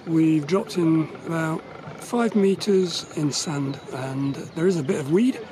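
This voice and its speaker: A middle-aged man narrating his sailing trip in relaxed casual talk, with frequent ums. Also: fairly high pitch, slow. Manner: relaxed, rambling with many ums. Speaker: sailing vlogger. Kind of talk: casual travel commentary. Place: outdoors on a sailboat and on land. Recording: outdoor recording with clear background noise.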